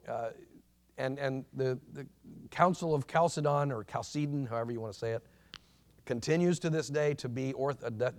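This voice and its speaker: A man teaching a church history class in an informal lecture, earnest and halting, with many restarts and fillers. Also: mid-range voice, darkish tone.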